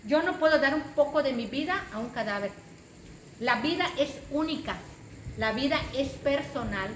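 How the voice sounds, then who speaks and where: A woman preacher, giving an emphatic sermon and repeating phrases for stress. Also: a little high. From Mexico. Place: church hall. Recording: echoey church room with background noise.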